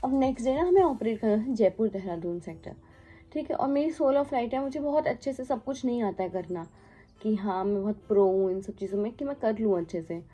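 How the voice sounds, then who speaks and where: A woman's voice: a little high, expressive, a little fast, slightly rough. A young woman, a cabin crew member, casually telling a story in a chatty way, mixing English words into Hindi with many fillers. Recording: faint background music. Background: soft background music.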